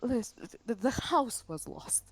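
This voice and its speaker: Woman in a voice chat game, giggly, bit unsure, lively fairly high voice. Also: slow, vocal fry, background noise. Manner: giggly, hesitant. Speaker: player. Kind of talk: tabletop game over voice chat.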